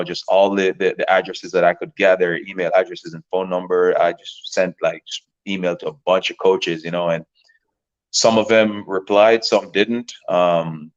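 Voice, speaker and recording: A man in his thirties from Jamaica talks through his story in a relaxed, rambling way, looping back on his words. His voice sits very low. The recording sounds a little dull and lo-fi. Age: 30s. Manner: relaxed, rambling with many fillers and repeated words. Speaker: professional soccer player, guest. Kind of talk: casual interview talk.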